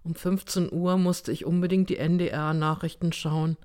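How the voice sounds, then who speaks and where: A woman narrating a story in the first person, reading with a measured, even delivery. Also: lowish voice, clear, resonant tone. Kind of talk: audiobook reading.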